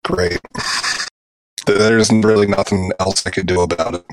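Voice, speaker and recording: A man co-hosting a casual online chat on a gaming headset, his voice robotic and metallic from a bad connection, halting and self-deprecating. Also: sits low, steady tone, no echo, low-quality recording. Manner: halting, self-deprecating, stumbles over restarts. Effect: robotic, metallic-sounding voice from a bad connection. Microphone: gaming headset over an online call.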